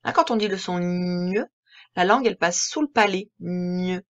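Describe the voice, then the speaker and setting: A woman with a French accent, teaching a reading lesson to young children in a slow, clear, patient way that spells out each word. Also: mid-range voice, animated, highs cut off. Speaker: primary school teacher.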